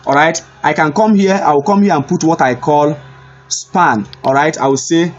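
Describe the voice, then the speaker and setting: A man giving a screen-recorded web development lesson, unhurried and repetitive, thinking aloud as he types. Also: fairly high pitch, muffled recording, slight background noise. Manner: unhurried, repeats himself, thinks aloud while typing. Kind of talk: screen-recorded coding tutorial.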